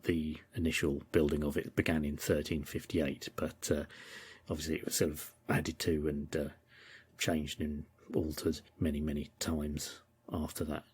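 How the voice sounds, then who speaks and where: A man's voice: a bass voice, little pitch movement, normal speed, a little hiss or hum. A man with an English accent hosting a podcast, talking through his material in a thoughtful, rambling way with frequent hesitations. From England. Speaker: podcast host. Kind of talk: casual podcast commentary.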